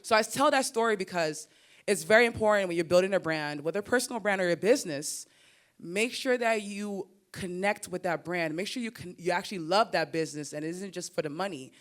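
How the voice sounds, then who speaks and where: With a fairly low pitch and a slightly fast pace, a young woman speaks as a creator on a summit panel stage. Her Nigerian-mixed-with-American accent carries an animated, expressive style, full of laughter and repeated words.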